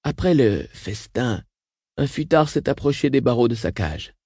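A man's voice: mid-range voice, measured pace, slightly rough, no room sound, studio quality. A man voicing a frail, unshaken old sister. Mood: grim. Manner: flat, unshaken. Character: frail elderly sister, weakened and coughing.

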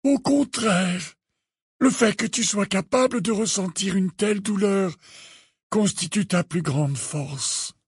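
Dumbledore: a man doing a calm old wizard, high and slow. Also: slightly rough, no room sound, studio quality, full character voice. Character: old wise headmaster wizard, unshakably calm. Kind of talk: audiobook character voice.

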